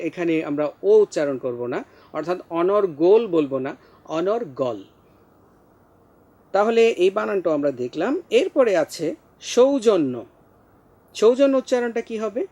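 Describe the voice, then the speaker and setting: A man's voice: high-pitched, darkish tone. A man teaching a pronunciation lesson to young pupils, drawing out each word for them to repeat. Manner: slow, drawn-out model pronunciations for pupils.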